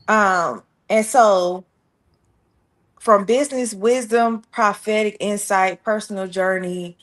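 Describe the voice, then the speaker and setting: A woman hosting a casual livestream interview show, playful and quick to laugh, using easygoing slang. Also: mid-range voice, a bit bright. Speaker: host.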